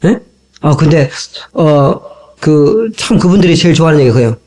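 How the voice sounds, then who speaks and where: A man's voice: on the high side, moderate pace. A man preaching a sermon as a pastor, talking animatedly and acting out the people in his stories, from an old cassette tape. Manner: animated, acts out quoted voices.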